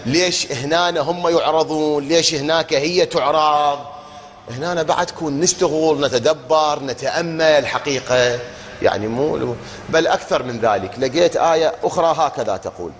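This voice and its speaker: A man with an Iraqi accent giving a religious lecture to an audience, firing rhetorical questions, chanting verses slowly and breaking into shouts. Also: a little high, a little hiss or hum. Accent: Iraqi Arabic. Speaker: preacher. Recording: long reverb of a hall.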